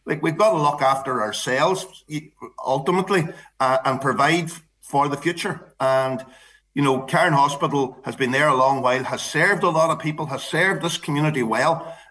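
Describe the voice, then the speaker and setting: A man with an Irish accent speaking off the cuff as an interview guest, halting and repeating his phrases. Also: on the high side, pushed and bright. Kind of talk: campaign interview, spontaneous talk.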